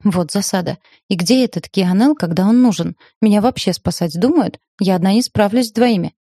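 A woman's voice: medium pitch, brisk, mellow, dry recording. A woman narrating a first-person audiobook in a wry, ironic storytelling manner, close to the mic.

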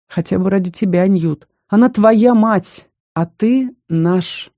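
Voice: medium pitch, dark tone, no echo, clean studio sound. A reader voicing a stern, protective young male mage who speaks coldly and firmly in an audiobook. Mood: somber. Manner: cold, firm, measured. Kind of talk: audiobook character reading.

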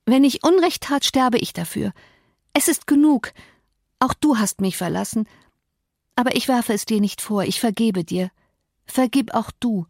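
A woman voicing a passionate, dying young woman who pleads in a high voice that breaks into cries. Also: normal speed, vocal fry, darkish tone, no room sound, studio quality. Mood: remorseful.

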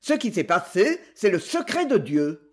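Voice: mid-range voice, big pitch swings, normal speed. A reader voicing a hulking, blustering Prussian major who protests indignantly in an audiobook.

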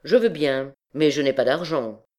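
A woman's voice: extremely low pitch, lively intonation, moderate pace, a little mellow. A woman voicing a swaggering young male army captain who bellows oaths boisterously.

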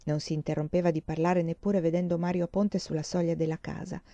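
Woman reading a novel out loud, calm and steady, warm low tone, kinda dull lo-fi recording. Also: fast talker, dry recording. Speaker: audiobook reader.

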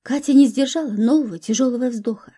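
A woman narrating an audiobook in a calm, measured reading. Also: fairly high pitch, husky.

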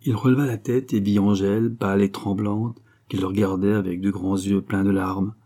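A man narrates a classic novel in a low, husky voice. His tone is dark and mellow, and his reading is measured and expressive. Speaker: audiobook narrator. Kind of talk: literary narration.

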